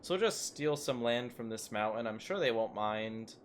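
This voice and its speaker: A man's voice: mid-range voice, animated, normal speed, slight background noise. A young man casually commenting while playing a city-building game, chatty and self-mocking, rambling into asides. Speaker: gaming YouTuber.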